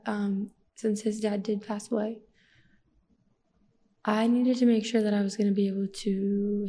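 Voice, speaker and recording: Gravelly low-toned woman sharing candidly. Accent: American. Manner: candid, animated storytelling with laughs. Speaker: podcast guest. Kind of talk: casual conversational interview.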